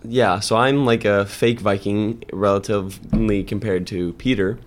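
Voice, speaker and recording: A young man co-hosting a casual podcast spins rambling stories packed with fillers. His voice sits fairly low, with a steady tone and an unhurried pace.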